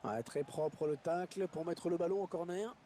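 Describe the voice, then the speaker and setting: An actor plays a keen male football commentator from a sports video game. His voice sits on the high side for a man, over faint background noise. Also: moderate pace, dark tone, natural voice. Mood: measured.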